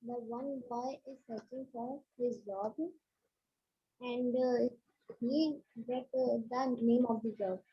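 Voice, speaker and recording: A hesitant woman speaks slowly and breathily with a rather high, flat voice. Her volume keeps dropping in and out over a dull, lo-fi online call. She halts often with fillers and broken grammar. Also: breathy edge. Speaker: student. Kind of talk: halting spoken retelling in an online class. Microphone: online call, computer mic.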